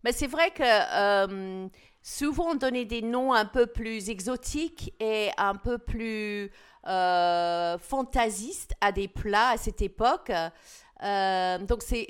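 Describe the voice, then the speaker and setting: A woman's voice: a little high, slow pace, clean tone. A woman hosting a casual cooking chat, explaining a dish in a chatty way with frequent fillers. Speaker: host.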